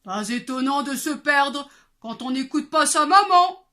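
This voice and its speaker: A woman voicing a big papa bear in a storybook reading, booming and scolding. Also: lively intonation, a little slow, bright, forceful tone, exaggerated voice. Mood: gruff indignant.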